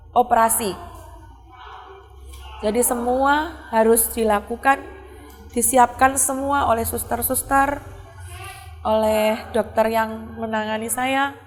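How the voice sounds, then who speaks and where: Earnest middle-aged woman, halting testimony. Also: a little high, fairly even intonation, big-room sound, faint music behind. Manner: earnest, halting, with many pauses and fillers. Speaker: guest telling her life story. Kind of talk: personal testimony.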